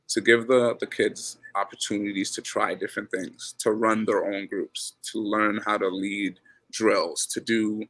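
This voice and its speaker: This is a Ghanaian basketball coach chatting as a guest in a casual interview, his voice fairly low, creaky and a bit rough, and the recording itself rough. He's relaxed, repeats words as he talks, and mentions that he has a loud voice.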